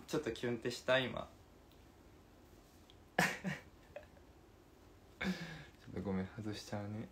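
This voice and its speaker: Young man, 20s, relaxed livestream host talking into a phone. Lowish voice, playful and chatty. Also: a little slow, background noise. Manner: playful and chatty, giggles between remarks. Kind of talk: casual livestream chat answering comments.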